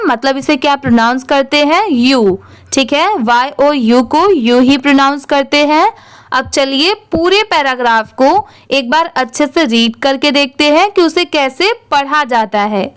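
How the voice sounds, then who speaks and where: A woman's voice: sits high, dry recording. A woman teaching English reading in Hindi, with an Indian accent. She spells each word letter by letter and then answers her own questions. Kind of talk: slow spelling-out lesson.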